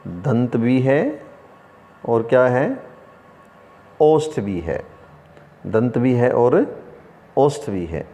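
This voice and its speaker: A man teaching an online lesson, who explains slowly by asking questions and then answering them himself. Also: medium pitch, lively intonation, warm tone. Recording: room with long reverb.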